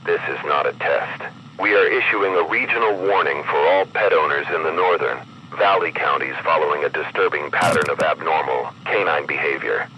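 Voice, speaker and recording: An extremely low-voiced man narrates a horror-style emergency broadcast with a grave, measured, ominous announcer's delivery. The audio is dulled with the highs cut off, and noise hums clearly behind him.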